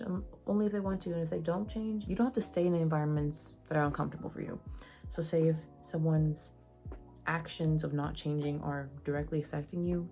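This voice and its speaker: A young woman giving casual advice in a vlog, slangy and sassy, with a flat, even delivery. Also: low voice. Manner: says she sounds monotone. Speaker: vlogger.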